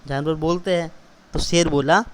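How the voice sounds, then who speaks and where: A man's voice: a little high, steady tone, normal speed, a little hiss or hum. A man teaching a school class, patiently explaining word by word and repeating questions for the students. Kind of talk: classroom lesson explaining a text.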